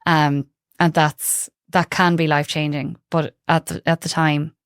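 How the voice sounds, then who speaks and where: Clear, low-voiced woman with a Galway accent. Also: little pitch movement, measured pace, dry recording, clean studio sound. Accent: Galway, west of Ireland. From Galway, west of Ireland. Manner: informal, reflective, peppered with "like" and "you know". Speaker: podcast guest, holistic heart-healing practitioner. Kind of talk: casual conversational interview.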